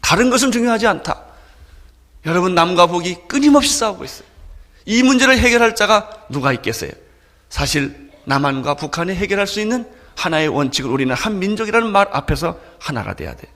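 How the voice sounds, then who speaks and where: A man preaching a sermon as pastor, with animated delivery that swings between loud emphasis and soft asides. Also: a little high, a little fast, long reverb tail.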